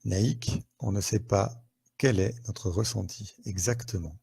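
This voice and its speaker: A man's voice: lowish voice, measured pace, gravelly, dark tone, breathy edge. A French man, a therapist, hosting a live online talk to viewers, conversational and full of questions and fillers, on a headset mic.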